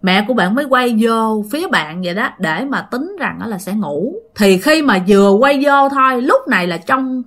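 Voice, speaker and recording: A woman's voice: a little high, lively intonation, moderate pace, hardly any pauses, fairly bright tone. A woman with a Southern Vietnamese accent telling ghost stories in a chatty way, talking straight to her listeners with many fillers. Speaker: ghost-story channel narrator. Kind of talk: casual storytelling narration.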